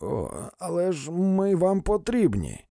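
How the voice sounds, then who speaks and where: A man's voice: high-pitched, huge pitch swings, unhurried, vocal fry, warm tone, no room sound, studio quality, voice pushed up, exaggerated voice. A man voicing an earnest, persuasive old man who pleads to be heard. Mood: pleading. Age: older.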